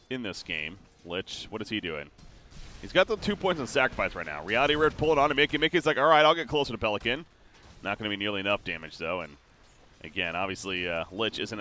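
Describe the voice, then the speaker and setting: A man doing live play-by-play for a video game match, his voice bright and forceful and swinging widely in pitch as the action heats up. He talks quickly and gets excited, with plenty of fillers, over a faint bed of background noise. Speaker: esports caster.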